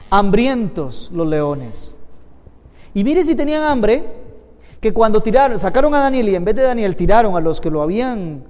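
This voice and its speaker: A man's voice: sits high, darkish tone, in a large hall. A man with a Costa Rican accent, a pastor teaching a Bible class to his congregation, emphatic and asking them questions. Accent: Costa Rican Spanish. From Costa Rica. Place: church hall.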